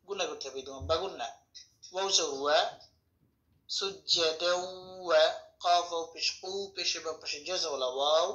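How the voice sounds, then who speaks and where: A man's voice: fairly high pitch, bright, forceful tone. Man teaching Quran recitation, echoey room. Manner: slow, methodical spelling of syllables, drawn-out chanted recitation. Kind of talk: tajweed lesson, spelling out letters and vowels. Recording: echoey room, dull lo-fi sound.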